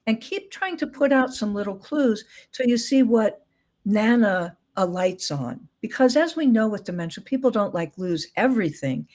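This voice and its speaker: Woman, guest expert, casual interview, gentle, thoughtful, filler words. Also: mid-range voice, expressive, moderate pace.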